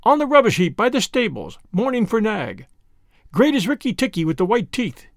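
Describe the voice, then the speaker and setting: A man puts on a chirpy little male songbird from a storybook, feather-brained and gushing. His voice sits high and sing-song, loud and swooping, with a gravelly grain. It sounds close and dry. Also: sing-song, normal speed, dry recording.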